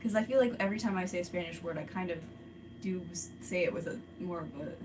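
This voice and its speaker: An easygoing woman chatting as she cooks on a home stream, her talk loose and conversational. She sits back from the microphone, and a steady hiss runs under her voice. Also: fairly low pitch, fast talker, far from the mic. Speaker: co-host cooking. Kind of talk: casual chat.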